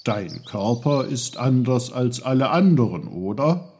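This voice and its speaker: A man voicing a tiny, fussy magical old man who explains things briskly. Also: mid-range voice, sing-song, a little mellow. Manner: bossy, brisk, knowing.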